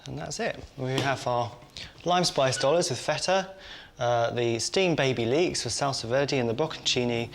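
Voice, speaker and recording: A man's voice: medium pitch, moderate pace, gravelly, hardly any pauses, a little hiss or hum. Chatty man cooking in a kitchen. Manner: chatty, talks while cooking and tasting. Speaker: cooking show host. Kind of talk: cooking demonstration.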